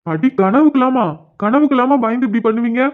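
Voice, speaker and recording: A woman voicing a dismissive young man in a cartoon, in a deeper put-on voice. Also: fairly quick, narrow, tinny audio, close to an everyday voice. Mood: mocking. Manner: mocking, dismissive.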